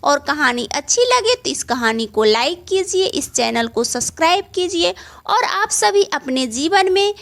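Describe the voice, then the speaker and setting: High, animated woman storyteller. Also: a little slow, gravelly. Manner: expressive, emotional, direct to listeners. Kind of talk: first-person story narration.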